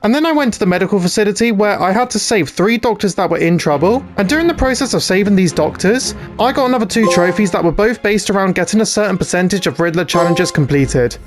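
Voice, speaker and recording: A young man in his twenties giving excitable, chatty gameplay commentary. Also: high voice, quick pace, hardly any pauses, soft background music. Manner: excitable, chatty, frequent restarts. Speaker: gaming YouTuber.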